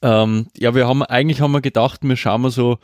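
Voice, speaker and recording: A man's voice: medium pitch, steady tone, quick pace, dry recording, studio quality. A man co-hosting a casual podcast, rambling and hesitant with many fillers. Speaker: podcast co-host. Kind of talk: casual chat.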